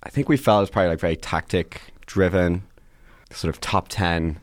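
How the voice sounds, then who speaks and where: A startup CEO from Ireland, in his 20s, guests on a podcast with a deep, fairly quick voice, chatting casually and rambling with lots of "like." There's no room sound, and the audio is studio quality.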